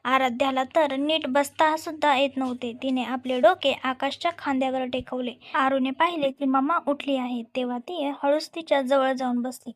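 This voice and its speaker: High-voiced woman reading a story. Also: fairly even intonation, moderate pace, hardly any pauses. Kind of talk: scripted story narration.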